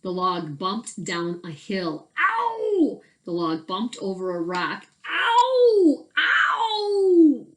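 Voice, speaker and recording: This middle-aged woman reads a children's story in a bedroom at home, keeping it conversational and asking the young audience questions along the way. She has a fairly low, steady, slightly bright voice and speaks at a measured pace with hardly any pauses.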